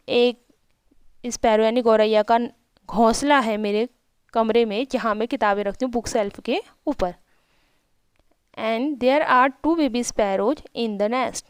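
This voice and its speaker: A woman teaching, reading a storybook in English slowly and then explaining it at length with rhetorical questions. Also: fairly high pitch, darkish tone, clean tone, dry recording. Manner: repeats and rephrases, asking rhetorical questions.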